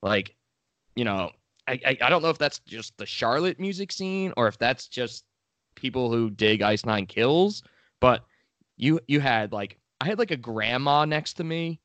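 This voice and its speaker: A man co-hosting a podcast in casual chat, excited and swearing a lot. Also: medium pitch, unhurried, no room sound. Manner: enthusiastic, swears a lot, says dude. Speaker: podcast co-host.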